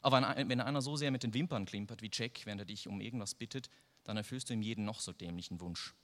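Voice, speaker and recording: A man's voice: on the low side, fast talker. Wry male audiobook narrator. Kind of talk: first-person audiobook reading. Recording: long reverb.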